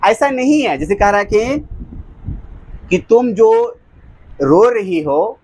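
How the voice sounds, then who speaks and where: Male tutor, high-pitched and unhurried; drawn-out poem reading, playful explanations with chuckles. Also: sing-song, darkish tone, slight background noise, poor audio. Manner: reads English lines very slowly, then explains with jokes and chuckles. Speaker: teacher. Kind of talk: Hindi-medium class lecture explaining an English poem.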